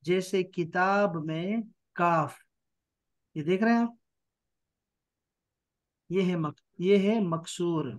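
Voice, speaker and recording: A man teaches Arabic grammar in an online class, speaking. His voice sits a little high, and he is patient, repeating each term slowly so it sticks. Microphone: online class mic.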